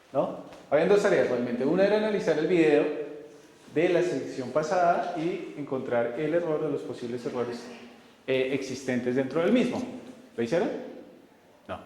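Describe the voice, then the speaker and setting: In a classroom lecture, a man with a slightly mellow, higher-pitched voice explains rules to students. He pauses often to make sure they're following, using a questioning tone as he checks in. The hall is very echoey, with faint background noise.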